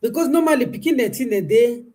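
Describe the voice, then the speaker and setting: A woman chats as a guest in a casual talk, speaking Nigerian Pidgin. Her voice sits a little high but sounds warm and dark. She complains in short, indignant bursts. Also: lively intonation, fast. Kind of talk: casual conversation.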